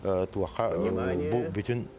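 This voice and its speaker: A man with a Yakut accent explaining in an unscripted interview, hesitant and halting. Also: sits low, steady tone, over a noisy crowd.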